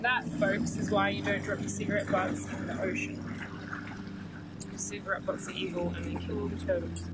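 A woman's voice: mid-range voice, normal speed, loud music behind the voice. A young woman chatting casually and jokingly on a sailboat. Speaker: sailing vlogger. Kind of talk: casual vlog chat. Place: sailboat outdoors on the water.

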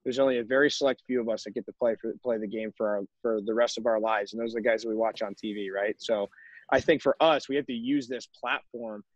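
A man's voice: mid-range voice, fairly even intonation, fast, no echo. A young man, a college baseball coach, talking emphatically to other coaches on a video call and often tagging points with "right?". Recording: dull, dry video-call audio.

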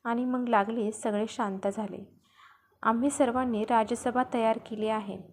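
A woman narrating an audiobook novel in the first person, with steady storytelling delivery. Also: fairly high pitch, measured pace, slight background noise.

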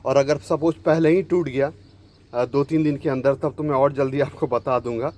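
A man's voice: medium pitch, fairly even intonation, moderate pace, a little mellow. A man talking viewers through a hands-on repair outdoors in a chatty tutorial style, mixing in English words as he works. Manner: chatty, addresses viewers as friends, Hindi mixed with English words. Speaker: DIY repair video host. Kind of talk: casual tutorial narration. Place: outdoors beside a scooter.

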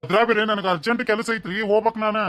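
Impatient, evasive village groom. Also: male voice, high-pitched, steady tone, a bit bright. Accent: North Karnataka Kannada. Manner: hurried, dodging.

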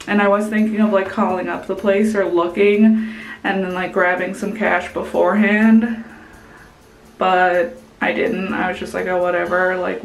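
Chatty young woman in an echoey room. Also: mid-range voice. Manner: chatty, heavy use of "like" and "um". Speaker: vlogger. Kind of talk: casual restaurant review. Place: indoors, small room with plain wall. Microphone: camera at arm's length.

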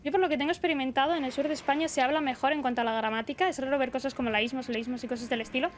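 A woman's voice: high voice, fairly even intonation, rapid-fire, slight background noise. A young woman streamer from the Basque Country chatting casually and rambling while gaming. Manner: chatty, reads chat aloud, rambling.

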